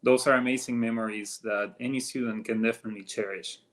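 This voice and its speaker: A man's voice: medium pitch, steady tone, fast talker. A man from Argentina, a professor guest speaking in an upbeat, friendly way with some ums. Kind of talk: conversational interview.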